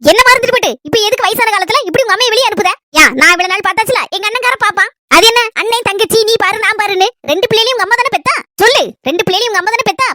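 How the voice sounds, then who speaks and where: A woman with a Kanyakumari Tamil accent performing a village family comedy skit, scolding in a quick, shrill way. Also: bright, forceful tone.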